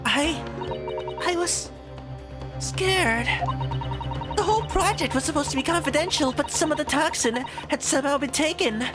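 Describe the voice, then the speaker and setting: Woman voicing an anxious, high-voiced young student. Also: lively intonation, moderate pace, long pauses. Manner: hesitant, pleading. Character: anxious, guilt-ridden young female research student. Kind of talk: dramatic reading of video game dialogue. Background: game music.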